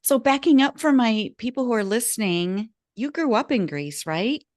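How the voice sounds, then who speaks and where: A woman hosting a podcast interview over a video call, chatting casually and reacting with soft, effusive affirmations. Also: on the high side, lively intonation, normal speed, no echo, clean studio sound. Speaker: podcast host.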